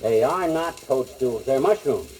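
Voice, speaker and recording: A man playing the blustery lead of a 1940s radio comedy, brash and quick to bluster. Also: medium pitch, animated, a little mellow. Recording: crackly old 78 record.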